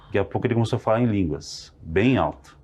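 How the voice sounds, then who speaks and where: A man, a podcast guest telling a religious testimony in an animated way, acting out the dialogue. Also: on the low side, fast talker, husky. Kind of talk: testimony storytelling.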